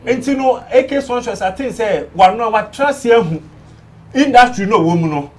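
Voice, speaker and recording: In a high, expressive voice at a moderate pace, a man with a Ghanaian accent makes emphatic points on a studio entertainment show. He switches freely between English and Twi in this casual discussion.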